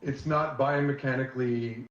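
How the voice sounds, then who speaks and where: A man's voice: medium pitch, fairly even intonation. Courtroom recording, expert witness guy, muffled and roomy, keeps answers brief. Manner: short measured answers. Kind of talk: courtroom testimony. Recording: echoey dull courtroom audio.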